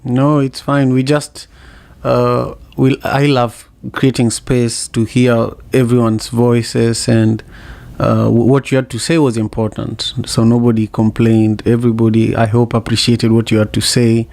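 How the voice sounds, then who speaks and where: A male podcast host speaks in a relaxed way as he moves the discussion to the next person. His voice is gravelly and flat in pitch, and the sound is dry and close. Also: a little slow, no room sound. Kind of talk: casual group discussion.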